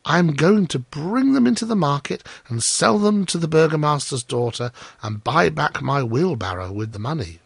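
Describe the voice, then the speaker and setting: A man's voice: a little high, expressive, moderate pace, gravelly, few pauses, breathy edge, dry recording, voice pushed up, exaggerated voice. A man voicing a humble, grateful, naive gardener in a storybook, earnest and polite. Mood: pleased, earnest. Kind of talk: storybook character voice.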